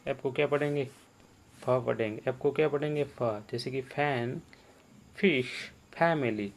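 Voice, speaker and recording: Patient male teacher, unhurried delivery, medium voice, drills letters by repetition. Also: medium pitch, creaky, a little mellow. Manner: slow, repeats sounds and quizzes the viewer. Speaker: English teacher. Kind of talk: spoken language lesson.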